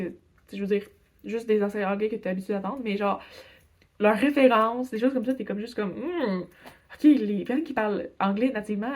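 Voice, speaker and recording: A young woman from Quebec with a Québécois French accent, telling a story in a casual vlog, chatty and rambling with lots of filler words. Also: mid-range voice. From Quebec, Canada. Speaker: vlogger. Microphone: phone camera.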